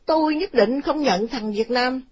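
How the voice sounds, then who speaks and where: A woman voicing an excitable older mother in a spoken story. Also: normal speed, breathy edge. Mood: stubborn. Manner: shrill, excitable. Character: older mother, shrill and fretful.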